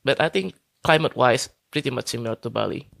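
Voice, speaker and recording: Hesitant gravelly man from Indonesia. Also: medium pitch, fast talker, fairly bright tone, no room sound. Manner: hesitant, many fillers and restarts. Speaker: guest consultant. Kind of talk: casual interview talk.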